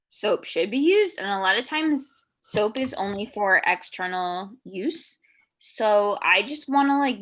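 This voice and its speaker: A woman's voice: medium pitch, pushed and bright. Hiccuping woman in an improv scene. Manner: playful, overly earnest, theatrical. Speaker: improv co-host. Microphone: home video call.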